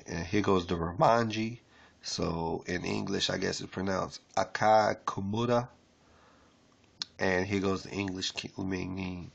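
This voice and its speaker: A self-taught learner streams his screen casually while working through a language lesson, rambling loosely with lots of fillers and reading aloud haltingly, restarting often. His voice is low, husky, and full of vocal fry, and the audio sounds dull.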